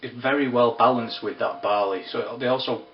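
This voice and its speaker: A man giving a casual spoken whisky review, unhurried and descriptive with wry asides. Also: mid-range voice, fairly even intonation, slight background noise. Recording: roomy, distant, dull lo-fi sound.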